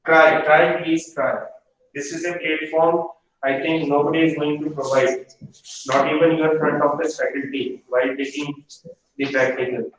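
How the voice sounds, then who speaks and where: Stern instructor in echoey room. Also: male voice, fairly high pitch, little pitch movement, normal speed, distant mic, slight background noise. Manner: stern, repetitive, pressing students for answers. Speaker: hotel management instructor. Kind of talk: classroom teaching with questioning.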